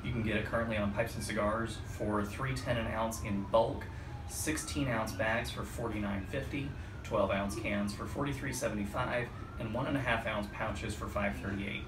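Man, thirties, casual reviewer, subdued low-key delivery, roomy echoing sound, noisy outdoor balcony. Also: fairly even intonation, moderate pace. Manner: low-key, keeping his voice down. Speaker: pipe tobacco reviewer. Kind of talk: casual unscripted product review. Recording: roomy, distant mic, clear outdoor background noise.

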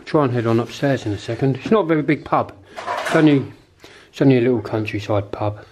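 A man's voice: medium pitch, fast, background noise. A man giving casual, offhand walkthrough commentary as he explores an abandoned pub, recorded on a handheld camera mic while walking. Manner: chatty, offhand, thinking aloud. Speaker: urban explorer vlogger.

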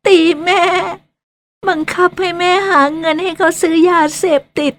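Woman doing a crying ghost girl, high voice, bitter and begging, radio horror drama. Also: steady tone, normal speed, a bit bright. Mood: tearful. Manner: sobbing, bitter and pleading. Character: tearful young woman ghost wandering at night. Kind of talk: Thai radio drama acting.

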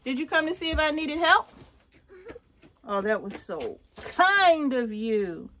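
A woman's voice: high voice, big pitch swings, takes it slowly, a bit bright, slight background noise. Chatty woman filming her barn. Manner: chatty, addresses viewers directly with frequent check-ins. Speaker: homesteader vlogger. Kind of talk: casual show-and-tell vlog. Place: open wooden barn outdoors. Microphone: phone at arm's length.

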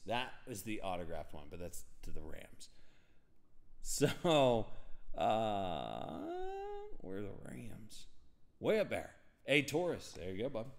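A young man hosting a live card break, chatting and rambling excitedly to viewers as he calls out cards. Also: mid-range voice. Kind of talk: casual live-stream card break commentary.

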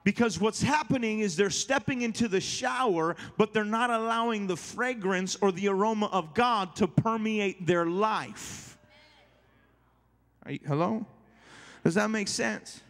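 A man with a high voice preaches as a youth pastor, playful and animated as he acts out funny stories for his congregation. His sermon rings out through a large church hall with a long reverb tail. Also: measured pace. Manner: animated, jokey preaching with acted-out quotes.

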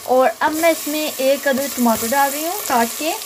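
Over frying and stirring in a home kitchen, this cooking channel host talks through her recipe one step at a time. The background is noisy, and her high voice keeps a moderate pace, friendly and casual with English words mixed in.

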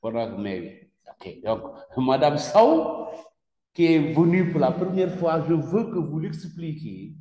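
A man's voice: fairly high pitch, expressive, measured pace, hardly any pauses, dark tone. A man with a Senegalese French accent teaching a class, questioning students and repeating key words with emphasis. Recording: echoey classroom with long reverb.

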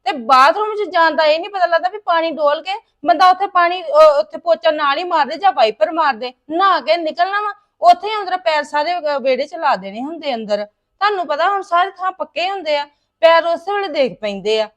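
A woman's voice: very high voice, sing-song, fairly bright tone, lo-fi sound, full character voice. An actress playing a married daughter venting to her mother about her in-laws in a domestic drama. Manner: aggrieved, rapid complaining. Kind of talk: domestic web drama acting.

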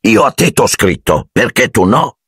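A man doing a gruff, blunt giant of a gamekeeper in an audiobook, growling and grumbling through low, husky words. He sounds close and dry, with no room around him. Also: sing-song, a little slow, a bit bright, no echo, full character voice.

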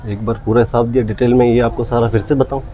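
A man plays a pushy shopkeeper in a prank. He talks in a mid-pitched voice, insistent and accusing as he haggles over a bill. It is recorded in a shop. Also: fairly even intonation, fast talker, dark tone. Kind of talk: hidden-camera prank, accusing a customer. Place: cosmetics shop, indoors.

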